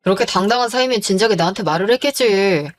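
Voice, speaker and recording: A woman's voice: mid-range voice, fast, faint music behind, close to an everyday voice. A woman voicing a crude, jealous husband who accuses his wife and bullies her, in a dramatized story. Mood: contemptuous.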